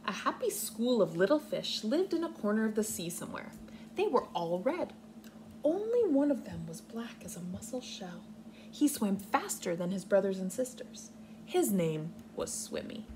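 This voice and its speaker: A young adult woman with an American accent, very animated, reads to small children in her living room, seated on the couch, and explains with simple, clear wording as a kindergarten teacher would. She speaks at normal speed in a mid-range voice; the recording is clearly noisy.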